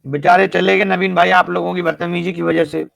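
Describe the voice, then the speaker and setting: A man's voice: sits high, fairly even intonation, brisk, gravelly, a bit bright, no echo. A man teaching a live online math class, explaining each step and teasing his students with jokes.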